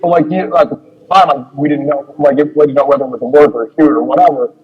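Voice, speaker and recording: A man's voice: fairly high pitch, fairly even intonation, quick pace, breathy edge, highs cut off. A man, a guest wrestler in a casual interview, rambling through a road story with many fillers and acted-out dialogue.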